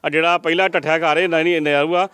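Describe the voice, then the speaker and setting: Male field reporter, rapid, pleading, high-ish and clear. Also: steady tone, pushed and bright, no echo. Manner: earnest, pleading appeals to viewers.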